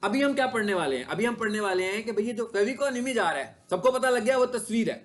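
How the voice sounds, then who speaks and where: High-voiced male teacher. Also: animated, quick pace, fairly bright tone. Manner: asks the class questions and answers them himself. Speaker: digital marketing instructor. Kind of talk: classroom lecture with screen demo.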